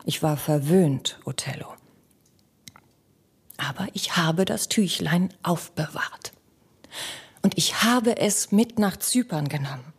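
Desdemona, a woman playing a soft-spoken young wife. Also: lowish voice, expressive, husky, heavily acted. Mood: pleading. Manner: measured, intimate, often sinking to a whisper. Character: young noble wife pleading with her jealous husband. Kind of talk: dramatic monologue.

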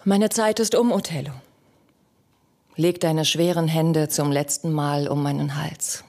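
Desdemona, a woman playing a soft-spoken young wife. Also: deep voice, steady tone. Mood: bitter. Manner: measured, intimate, often sinking to a whisper. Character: young noble wife pleading with her jealous husband. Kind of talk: dramatic monologue.

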